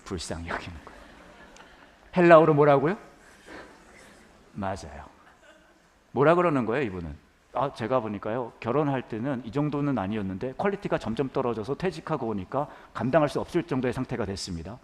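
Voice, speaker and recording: A man's voice: mid-range voice, animated, fairly quick, long pauses, big-room sound. A male pastor giving a conversational sermon to a congregation in a church, asking them questions.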